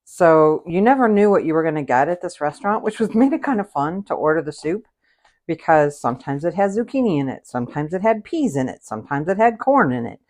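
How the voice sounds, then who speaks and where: Chatty low-voiced woman hosting a cooking stream. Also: sing-song, brisk, a little mellow. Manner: chatty, greets viewers by name. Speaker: cooking show host. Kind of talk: live cooking stream chat. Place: home kitchen.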